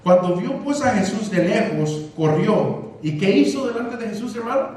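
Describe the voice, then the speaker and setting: Preaching a sermon in a church sanctuary, this pastor speaks at normal speed in an expressive, high voice with a darkish tone. He repeats points emphatically and addresses the congregation as brothers, recorded from afar in an echoey hall.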